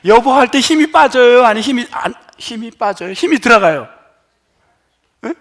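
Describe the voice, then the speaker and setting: A middle-aged man preaching a sermon in a notably high voice. His pitch leaps and dips with lively animation, and he keeps questioning his congregation, moving from forceful near-shouts down to soft hushed whispers. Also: normal speed. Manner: animated, swings from loud emphatic lines to hushed near-whispers; asks the congregation questions and has them try words aloud. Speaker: pastor.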